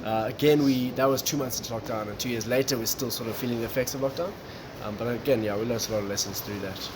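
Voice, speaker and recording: A man from Malawi, a guest talking casually about his tourism business, relaxed and saying "um" and "look" a lot. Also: mid-range voice, fast talker. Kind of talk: casual interview talk. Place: coffee shop. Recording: noisy coffee shop background.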